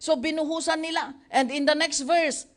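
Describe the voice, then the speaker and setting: Female pastor, Filipino accent, lively sermon storytelling, high voice, acts out the voices. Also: moderate pace. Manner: lively, laughs often, mixes languages, acts out the voices of the story's speakers. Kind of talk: sermon retelling a Bible story.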